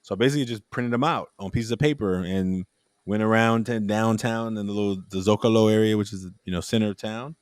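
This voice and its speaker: A podcast host with a somewhat low voice leads a relaxed interview, telling a long, rambling story at a brisk pace and frequently restarting sentences. His tone is clean, and the recording is close and dry with no room sound.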